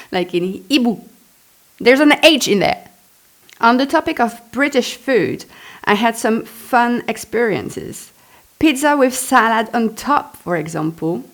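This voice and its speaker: A Belgian woman, a native French speaker with a Belgian French accent, reads her own memoir aloud in a slightly high voice at a slow pace. Her reading is chatty and expressive, sprinkled with spontaneous asides.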